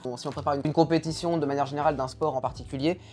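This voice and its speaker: A man's voice: a little high, steady tone, rapid-fire, darkish tone. A man giving casual, opinionated commentary while tasting food products, speaking informally and bluntly. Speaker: food taster and co-host of a nutrition review.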